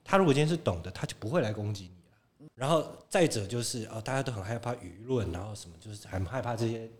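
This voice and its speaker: Male podcast guest, Taiwanese Mandarin accent, animated swings of pitch, outspoken. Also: quick pace. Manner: animated, frank, laughs often, mimics critics. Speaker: podcast guest, fitness competitor. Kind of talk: casual podcast chat.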